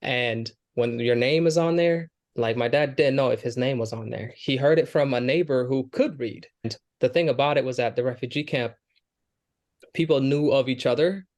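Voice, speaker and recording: Speaking at a normal speed with a darkish tone and mid-range voice, a young man guests in an interview. He's an Air Force airman from Kenya whose family is Somali, and his earnest, conversational replies contain many fillers and restarts.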